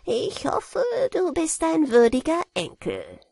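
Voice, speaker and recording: A woman's voice: sits high, wildly swooping pitch, takes it slowly, creaky, a little mellow, no echo, clean studio sound, pitched above the performer's own voice, heavily acted. Woman reading as a sly old merman. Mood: sly, hearty. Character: old male merman, sly, hearty, fond of brandy.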